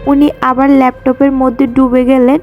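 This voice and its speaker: High voiced woman reading a romance story in first person, dramatic and emotional, faint music in back. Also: flat delivery, normal speed, dull audio. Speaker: story narrator.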